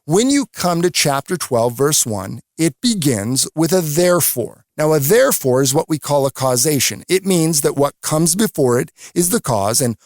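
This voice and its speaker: A man's voice: fairly high pitch, lively intonation, moderate pace, hardly any pauses, a little mellow, no room sound, studio quality. Earnest male Bible teacher on radio. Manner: earnest, explanatory storytelling.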